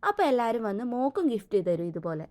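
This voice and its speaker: A woman voicing a gentle, patient cartoon mother who soothes and explains things to her daughter. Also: a little high, big pitch swings, fast talker. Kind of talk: cartoon voice acting.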